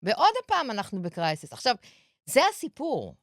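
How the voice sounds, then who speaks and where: A woman counselor on a podcast talks through her point like a lecture. Her pitch swings up and down a lot, and she acts out what spouses might say. The sound is close and dry. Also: wildly swooping pitch, no echo. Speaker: couples and family counselor. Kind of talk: podcast conversation.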